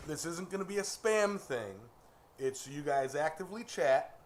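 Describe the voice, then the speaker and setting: In an echoey forge workshop full of loud background noise, a man hosts a casual live stream, talking to his audience in a folksy, informal style. His voice is a little high, with lively intonation and a moderate pace.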